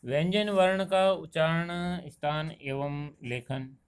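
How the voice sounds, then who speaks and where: Rajasthani guy teaching hindi grammar, kinda high voice, takes it real slow and spells out every example. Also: smooth. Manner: slow, deliberate explanation, stretching out example words. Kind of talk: classroom lesson.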